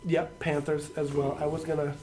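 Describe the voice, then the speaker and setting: A man's voice: fairly high pitch, completely flat delivery, fairly quick, a little mellow, slight background noise. A man co-hosting a podcast in casual chat, laid-back and swearing freely. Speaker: podcast co-host.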